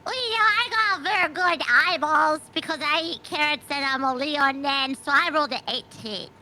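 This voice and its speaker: Very high, excitable woman player. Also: normal speed. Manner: excitable, gasping and exclaiming. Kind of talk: playing a tabletop character.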